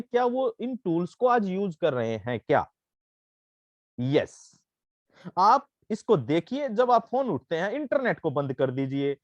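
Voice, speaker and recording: A man giving a persuasive sales pitch, mixing Hindi with English phrases and calling listeners his friends. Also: dry recording, highs cut off. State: coughing, throat irritated. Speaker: network marketing presenter.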